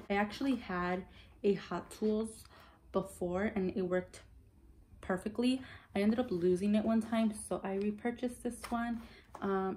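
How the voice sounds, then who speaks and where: Hushed, mellow young woman vlogging quietly. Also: a little hiss or hum. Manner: hushed, low voice so as not to wake a sleeping baby. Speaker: beauty vlogger. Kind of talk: casual chat to camera, makeup haul.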